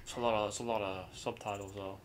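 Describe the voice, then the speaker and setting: A man's voice: on the low side, flat delivery, quick pace, a little hiss or hum. A man chatting casually and playfully in slang as he plays a video game and comments on it. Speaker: gamer playing and commenting. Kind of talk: casual gameplay banter.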